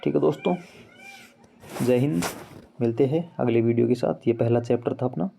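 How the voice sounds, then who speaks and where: A man teaching Hindi grammar in a casual online lesson, explaining slowly and repeating examples as he addresses viewers as friends. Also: mid-range voice, gravelly, dark tone, a little hiss or hum. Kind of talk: casual screen-share lesson.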